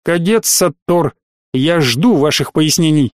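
A man's voice: a little high, lively intonation, unhurried, dry recording. A stern military colonel, voiced by a male narrator, interrogating in a cold, hard tone. The audiobook recording is close and dry.

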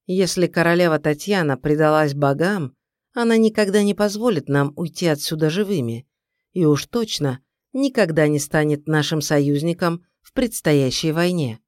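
A woman voicing a calm, grim young male king in an audiobook, speaking in a measured, reassuring way. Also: deep voice, no room sound, clean studio sound, natural voice. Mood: calm, grave. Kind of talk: audiobook character reading.

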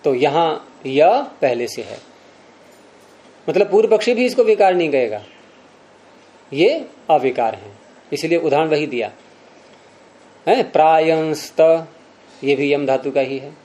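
A mellow, fairly high-pitched man leads a class through a grammar text. He reads lines aloud, then breaks them down slowly and puts questions to his students. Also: expressive. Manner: patient, questioning students, slows to spell out examples. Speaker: Sanskrit grammar teacher.

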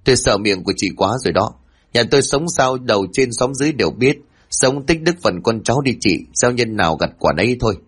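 A man's voice: medium pitch, lively intonation, brisk, breathy edge. A man as a firm, reproachful grown son. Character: level-headed adult son, restrained anger.

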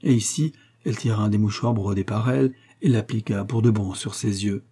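A man narrating an audiobook at a measured storytelling pace. His voice sits low, with a dark, mellow and husky tone.

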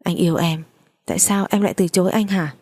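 A woman's voice: fairly low pitch, fairly even intonation, fairly quick, a little mellow, breathy edge. A woman reading a pushy possessive man. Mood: insistent. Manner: insistent, coaxing.

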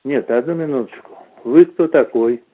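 Formal man on the phone, husky, puzzled and questioning, tinny phone line. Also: medium pitch, moderate pace. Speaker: call recipient. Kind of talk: phone conversation.

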